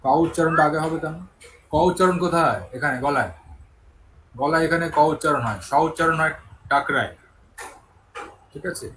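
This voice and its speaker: A man's voice: fairly high pitch, normal speed, pauses often, background noise. A man with a Bengali accent teaching English, patiently correcting a student's pronunciation step by step. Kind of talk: online tutoring session.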